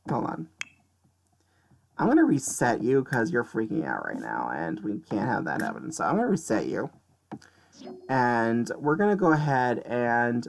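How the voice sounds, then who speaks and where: A young man giving casual, excitable game commentary, often stammering and exclaiming. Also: mid-range voice. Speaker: gameplay commentator. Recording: loud background noise.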